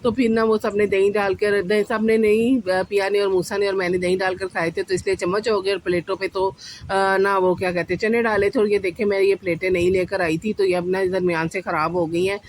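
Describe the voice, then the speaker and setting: A woman's voice: mid-range voice, flat delivery, fairly quick, darkish tone. A woman from Pakistan talking viewers through a recipe in her home kitchen, chatty and loose, with plenty of fillers and polite asides to the audience. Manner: chatty, addresses viewers as "janab", many fillers. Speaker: cooking vlogger. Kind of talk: casual cooking vlog narration.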